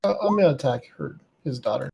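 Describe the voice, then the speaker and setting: A player chats casually through a tabletop game with dry, deadpan remarks. The voice is gravelly with a husky edge. It sits at an ordinary middle pitch. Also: fast talker.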